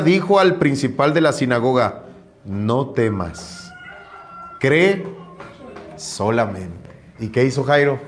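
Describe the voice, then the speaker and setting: A middle-aged man preaching a sermon, telling stories in a lively way with sound effects. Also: fairly high pitch. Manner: animated storytelling with sound effects. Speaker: pastor.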